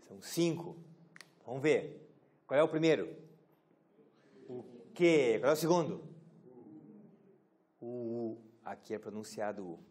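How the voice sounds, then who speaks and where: A man's voice: medium pitch, lively intonation, a little slow, long pauses, a little mellow. Joking male teacher quizzing a class. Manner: casual, joking, asks the class questions. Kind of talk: classroom lecture.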